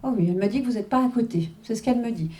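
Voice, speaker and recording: At a live reading, a medium chats away with her audience, peppering everything with "hein" and "d'accord" and laughing frequently. Her voice is a little high and dark-toned, and she speaks very fast.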